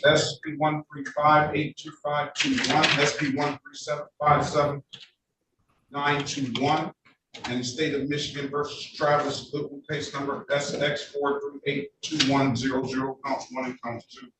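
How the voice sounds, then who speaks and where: Courtroom recording, male judge, brisk and firm, booming echo, distant mic, background hiss. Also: level tone. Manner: brisk and firm, cuts people off. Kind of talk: courtroom proceedings. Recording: echoey courtroom audio from a distant mic, noisy.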